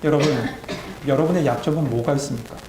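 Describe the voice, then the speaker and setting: A male pastor delivers a sermon in a somewhat high voice and builds to emphatic, exhorting peaks. His words echo around a church sanctuary with a faint hum underneath. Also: fast talker, warm tone.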